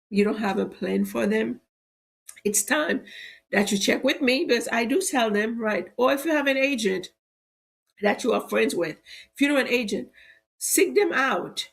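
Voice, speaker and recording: Stuffy and slightly cracky from allergies, a middle-aged woman selling insurance makes a persuasive live-stream pitch, leaning on "right?" as a tag. She is expressive and unhurried, with a husky voice, vocal fry, and long pauses.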